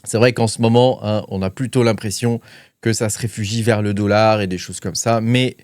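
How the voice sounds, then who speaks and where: A man's voice: lowish voice, fairly even intonation, moderate pace, a little mellow, no echo, clean studio sound. A man hosting a crypto channel, talking casually with lots of fillers and hesitations while reading his notes. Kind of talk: casual commentary to camera.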